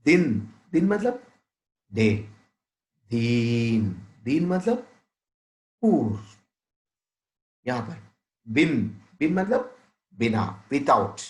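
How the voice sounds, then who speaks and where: Slow, lively-voiced teacher in an echoey room. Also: male voice, fairly high pitch. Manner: slow, drawn-out word-by-word pronunciation, explaining meanings with English glosses; addresses pupils as "beta", asks frequent checking questions. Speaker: primary school teacher. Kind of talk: recorded Hindi lesson for children.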